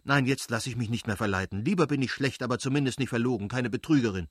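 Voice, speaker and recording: A man reading an audiobook, voicing a proud, quick-tempered young noblewoman in agitated, self-reproaching outbursts. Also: medium pitch, breathy edge, dry recording, studio quality, lightly acted.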